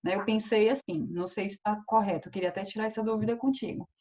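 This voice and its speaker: A Brazilian woman of medium pitch asks a colleague about her teaching. She sounds hesitant and thinks aloud as she goes. The audio is dull and lo-fi. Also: fairly even intonation, fast, mellow. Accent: Brazilian Portuguese. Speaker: teacher asking a colleague for advice. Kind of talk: online teaching chat.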